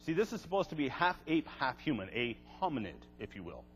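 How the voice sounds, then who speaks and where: A man's voice: mid-range voice, big pitch swings, quick pace, muffled recording. An older man giving a lecture to a live audience, with wry, sarcastic asides. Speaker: creationist seminar speaker. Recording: echoey hall, faint music.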